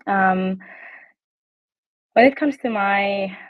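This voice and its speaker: A Finnish woman in her late twenties speaks with a Finnish accent in a medium-pitched voice, drawing out her words. She's a guest fitness coach in a casual interview, bubbly and full of ums and laughs. The recording has no echo, and the highs are cut off.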